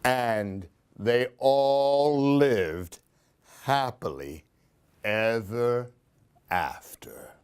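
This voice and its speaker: A man with a clean-toned, medium-pitched voice and lively intonation reads very slowly. As host of a children's book show, he delivers theatrical readings of Halloween picture books, sprinkled with questions and asides for young listeners.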